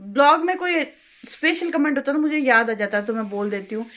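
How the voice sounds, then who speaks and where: A middle-aged woman vlogger chatting at home, talkative and quick with her words. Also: high-pitched, fairly bright tone. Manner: talkative, fast-talking. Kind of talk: casual home vlog chat. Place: home, balcony and kitchen.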